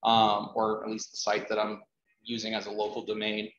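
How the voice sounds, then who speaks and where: A man speaking at a meetup, answering audience questions in a relaxed, hesitant way with many ums and uhs. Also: on the low side, normal speed. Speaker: conference speaker. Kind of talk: conversational Q&A talk. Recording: roomy, dull, faint noise.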